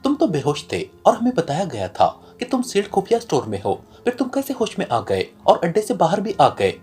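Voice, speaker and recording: A man's voice: sits high, wildly swooping pitch, brisk, warm tone, faint music behind. A man voicing a scornful male secret service chief in an audio novel. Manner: scornful, astonished.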